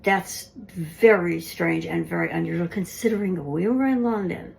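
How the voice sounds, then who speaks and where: A woman's voice: fairly low pitch, normal speed, vocal fry. A woman paranormal investigator narrating her ghost recordings in a conversational, earnest way. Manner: conversational, earnest, explaining clips.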